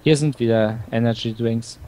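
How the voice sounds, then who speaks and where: A man's voice: medium pitch, fairly even intonation, normal speed, mellow. A man co-hosting a casual let's-play, cracking dry jokes and thinking aloud about his game choices. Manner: dry joking, talks through game choices. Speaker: gaming co-host.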